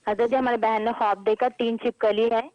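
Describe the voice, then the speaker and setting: A woman's voice: a little high, little pitch movement. A woman phoning in to a show, hesitant with fillers, over a dull phone line. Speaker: caller.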